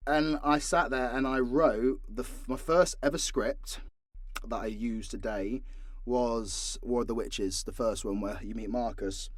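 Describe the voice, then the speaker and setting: A British voice actor and audio creator chats casually in a candid Q&A, telling stories in a sweary, self-deprecating way. His mid-range voice is unhurried, with no room sound.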